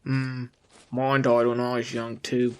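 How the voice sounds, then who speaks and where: A man's voice: medium pitch, monotone, slow pace, a little mellow, clear, resonant tone, natural voice. A man doing a scoffing, blunt soldier. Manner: scoffing, swearing. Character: skeptical male soldier, blunt and foul-mouthed.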